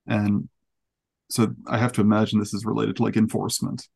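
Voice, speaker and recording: Hedging and self-correcting, a twenties-aged panelist who covers council meetings gives a casual meeting recap on a headset during a video call indoors. His voice is on the low side, creaky, a little mellow, and slightly rough, with little pitch movement and a fairly quick pace.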